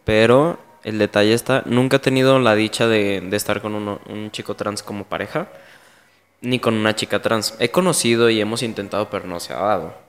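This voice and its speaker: A man's voice: on the low side, fairly even intonation, a little fast, in a large hall. A young man with a Mexican Spanish accent, a guest in an interview, telling his own story bluntly and emotionally, full of slang.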